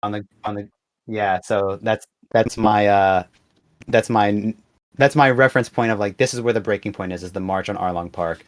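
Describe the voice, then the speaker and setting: A man's voice: on the low side, steady tone, normal speed. A man co-hosting a casual chat podcast, retelling scenes in a laid-back, amused way. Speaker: podcast co-host.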